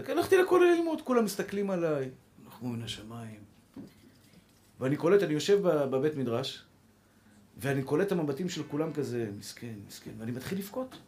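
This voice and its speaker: A man's voice: high-pitched, darkish tone, slight background noise. A man preaching a sermon as a rabbi, impassioned and repeating phrases for emphasis, calling his listeners brothers. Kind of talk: Torah sermon to a congregation.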